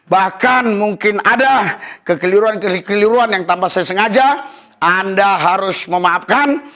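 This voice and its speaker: A man preaching a fervent sermon as pastor, often calling out hallelujah and rising to exultant shouts. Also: sits high. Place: church service.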